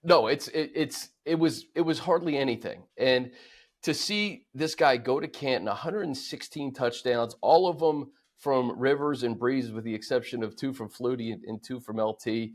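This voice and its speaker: An American man with a mid-range voice hosts a casual sports podcast, speaking at normal speed. He keeps it conversational, stressing key words as he goes through stats and takeaways.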